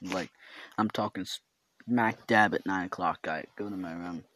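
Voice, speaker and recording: A man's voice: low-pitched, moderate pace, sharp tone, no room sound. Rambling teenage boy with a stutter. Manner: rambling, fillers and self-interruptions. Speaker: solo podcast host. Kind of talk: casual rambling solo podcast. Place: his bedroom. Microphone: home podcast mic.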